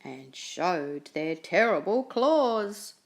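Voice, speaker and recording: A woman reads a children's picture book aloud slowly, telling the story expressively with lively pitch.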